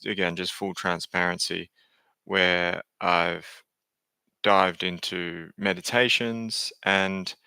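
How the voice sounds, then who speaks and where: A man's voice: deep voice, creaky, sharp tone, clear, resonant tone, no echo. A man talking casually on a live stream, hesitant and candid, often restarting his sentences.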